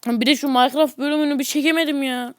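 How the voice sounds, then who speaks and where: High-voiced excitable male gameplay commentator. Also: fast talker, dry recording, studio quality. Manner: excitable, grumbling at the game, chatty asides to viewers. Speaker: gaming YouTuber. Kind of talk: casual mobile gameplay commentary.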